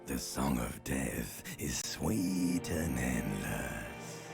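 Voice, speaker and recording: An actor in a video game playing a sly, coaxing, ancient reptilian inner voice with a gravelly rasp. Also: male voice, extremely low pitch, expressive, very slow, exaggerated voice. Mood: coaxing, ominous. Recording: music under the voice.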